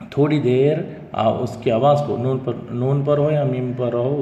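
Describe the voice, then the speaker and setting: Guy teaching quran recitation, mellow voice, slow patient explaining, big echoey room with long reverb, bit of hiss. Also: mid-range voice. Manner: explains slowly, then repeats syllables aloud for practice. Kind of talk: Tajweed lesson with drilled recitation.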